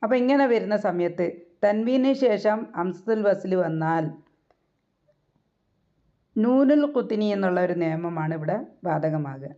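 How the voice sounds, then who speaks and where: A woman teaching a Quran recitation lesson, patiently repeating words slowly and asking guiding questions. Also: medium pitch, dark tone. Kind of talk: tajweed lesson. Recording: dull, lo-fi recording.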